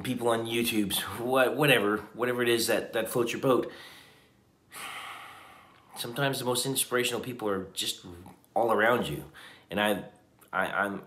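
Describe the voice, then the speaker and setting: A man's voice: lowish voice, a bit bright, roomy sound. A man in his fifties, tired after a long day, talking earnestly to the camera from a hotel room at night, often restarting his sentences. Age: 50s. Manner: reflective, earnest, with frequent restarts. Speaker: vlogger. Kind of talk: casual vlog talk to camera. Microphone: camera on a table at arm's length.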